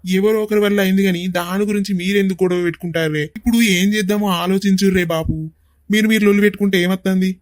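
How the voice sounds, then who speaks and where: A man's voice: high voice, steady tone, rapid-fire, no room sound, studio quality, lightly acted. A man voicing a hot-tempered, bossy young village son in a cartoon, with a Telangana Telugu accent. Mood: angry. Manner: angry, bossy shouting. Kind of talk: cartoon voice acting.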